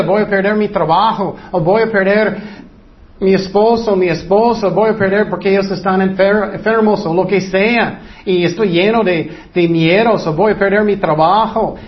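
A man with a high voice preaches slowly, taking his time over each phrase. He keeps asking his listeners questions and repeats his words for emphasis, and the recording sounds dull and muffled. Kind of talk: sermon.

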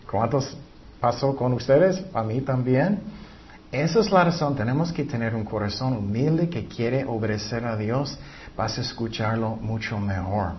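Spanish-speaking preacher, lo-fi sermon. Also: male voice, mid-range voice, unhurried. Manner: reads scripture aloud and acts out quoted voices, with self-corrections.

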